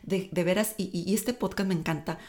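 A woman's voice: fairly low pitch, brisk, darkish tone. A woman from Tamaulipas with a northern Mexican accent, a podcast guest chatting casually and telling stories animatedly, with many fillers.

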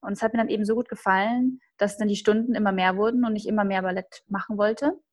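At medium pitch and fairly even intonation, this young woman talks fast in standard German as a cheerful podcast guest, filling her speech with many fillers. She's a ballet dancer from Austria, raised in Upper Bavaria, in a casual interview.

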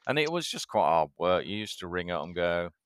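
Deep-voiced man with a Yorkshire accent. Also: sing-song, fairly quick, fairly bright tone, clean tone, no room sound. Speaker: podcast guest. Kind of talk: casual chat.

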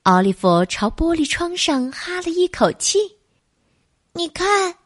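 Gentle woman telling a bedtime story. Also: high-pitched, very animated, normal speed, dry recording. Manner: soft, coaxing, addresses listener as baby.

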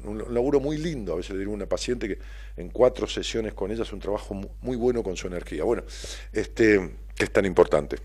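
A man with a Rioplatense Argentine accent, a therapist talking bluntly and profanely as he reads out messages and tells stories. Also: on the low side. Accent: Rioplatense Spanish. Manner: blunt, profane, animated storytelling. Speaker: psychotherapist and host reading viewer messages. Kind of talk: casual live-stream talk.

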